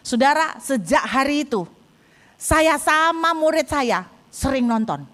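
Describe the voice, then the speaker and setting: A woman pastor, preaching through a lively story that she acts out loudly. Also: high voice, measured pace, long reverb tail. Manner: lively storyteller, swings into loud acted-out scenes. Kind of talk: sermon with storytelling.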